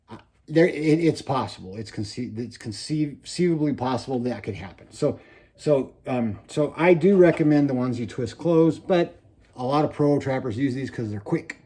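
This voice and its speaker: A man gives a casual trapping-tutorial style talk in a mellow, relaxed voice of ordinary male pitch. His words are slightly slurred, as with a mouthguard in, and his S sounds whistle a little. He speaks haltingly, pausing now and then to swallow. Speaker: trapping video presenter. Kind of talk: casual instructional vlog.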